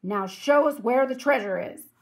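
A woman's voice: high voice, normal speed, pitched above the performer's own voice. A woman reading a storybook aloud and voicing a bullying one-eyed male pirate captain who growls and barks his orders. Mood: gruff.

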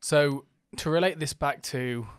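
A man's voice: a little high, unhurried, clear, resonant tone, no echo. A young man co-hosting a casual podcast, agreeable and relating his own experience into a studio mic. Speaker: podcast co-host. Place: small studio room with plant wall. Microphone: studio mic on boom arm, headphones.

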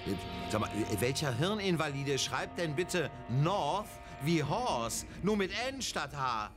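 A man co-hosting a comic movie show in a theatrical, pompous and excitable manner. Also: a little high, slow. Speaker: co-host of a bad-movie show. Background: music.

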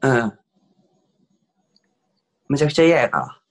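A man's voice: mid-range voice, big pitch swings, a little slow. A man playing a young Kansai man in a remote comedy sketch, talking in an easygoing way with a Kansai accent over a video call. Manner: easygoing dialect chat, nodding along. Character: young man from Kansai meeting a Chiba guy.

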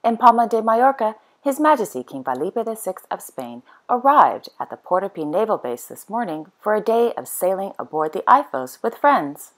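A woman's voice: medium pitch, big pitch swings, normal speed, few pauses. A woman hosting a daily royal news roundup, reading scripted items with chatty asides.

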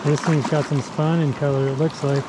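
A man with a slightly high voice talks through his fly fishing in an easy, explanatory way, now and then talking to himself. He is recorded on a head-mounted camera out on a river bank. Loud rushing water runs under every word. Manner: calm, explanatory, talking to himself between casts. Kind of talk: casual narration while fishing. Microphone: head-mounted action camera. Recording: outdoor camera audio with loud river noise. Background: rushing stream water.

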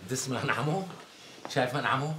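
A man playing a chatty flattering Syrian tailor. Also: mid-range voice, brisk, heavy background noise, lightly acted. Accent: Syrian Arabic. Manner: chatty, flowery, laughing salesman patter. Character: smooth-talking flattering male tailor, evasive about price. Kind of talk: TV sketch comedy acting.

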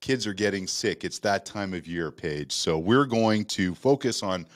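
A man hosts a casual podcast from a studio. His voice sits very low, and he talks in upbeat, jokey banter. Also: a little slow. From Canada. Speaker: podcast host.

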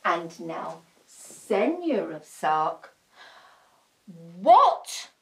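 A woman playing a sharp-tongued, scheming Lady Macbeth in a comic film, bossy and sarcastic. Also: high voice, very animated, reverberant, heavily acted. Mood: scolding. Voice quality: brisk, scolding, sarcastic. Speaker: actor in a comedy film. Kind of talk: comic stage acting.

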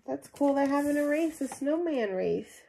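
A young woman with a high, animated voice reads a picture book aloud for kids at a normal speed, tossing in simple questions and asides. Her tone is dark with vocal fry, and a little hiss or hum can be heard in the small room at home.

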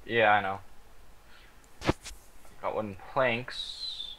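A man's voice: on the low side, steady tone, very slow, noisy background. A young man playing along as a guest in a gameplay video, laid-back with short, terse replies. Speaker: guest co-player. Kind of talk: gameplay chat.

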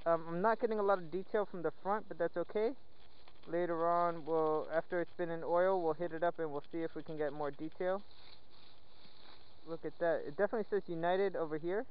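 Excited man vlogging outdoors, lo-fi. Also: fairly high pitch, fairly quick, smooth. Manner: chatty, playful, excited over finds. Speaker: metal detecting vlogger. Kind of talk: casual outdoor vlog commentary. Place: outdoors in winter woods. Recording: dull lo-fi outdoor audio with faint wind noise.

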